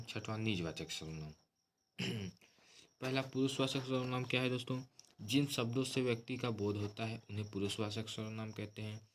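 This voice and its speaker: A man's voice: fairly low pitch, noisy background. A man teaching a grammar lesson, explaining terms steadily and often addressing listeners as friends.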